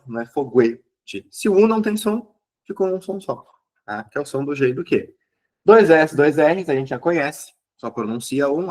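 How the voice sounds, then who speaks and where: A male teacher, giving an exam review lesson and checking in with listeners as he explains. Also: a little high. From southern Brazil.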